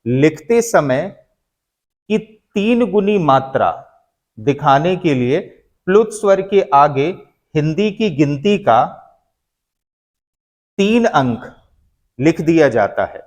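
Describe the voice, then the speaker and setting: Male teacher, slow deliberate delivery, slightly raised pitch, asks and answers his own questions. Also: expressive, darkish tone. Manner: asks questions and answers them himself, calls students "beta"; slow, drawn-out explanation. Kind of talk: classroom lecture on grammar.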